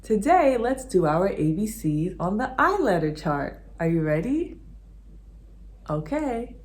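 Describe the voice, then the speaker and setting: This woman's voice is husky and medium in pitch, swinging widely up and down. As host of a children's video, she reads a rhyming picture book in a slow, rhythmic cadence and guides kids through games with a bright, sing-song teacher tone.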